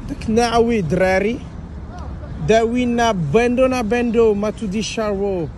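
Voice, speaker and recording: A man's voice: sits high, slow pace, darkish tone, slight background noise. Man spouting confident fake English. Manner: confident nonsense patter, calls people bro. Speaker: hidden camera prankster. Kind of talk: street prank, fake English gibberish.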